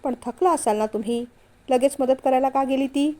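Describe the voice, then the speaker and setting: A man's voice: very high-pitched, moderate pace, mellow. A woman voicing a stern older father. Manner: curt, serious. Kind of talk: storytelling read-aloud.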